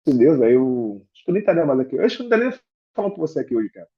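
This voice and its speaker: A man's voice: a little high, sing-song, rapid-fire, dull audio. A young Brazilian man, an MMA fighter, telling his personal story in casual slangy speech. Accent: Brazilian Portuguese. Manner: casual slangy speech, repeats "velho" and "e tal". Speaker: MMA fighter, interview guest.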